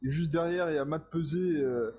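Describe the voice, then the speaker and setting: A man's voice: on the high side, brisk, dark tone. A man giving live analysis as a motorsport commentator on a sim race, on a lo-fi, noisy recording. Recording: dull lo-fi sound, clear noise.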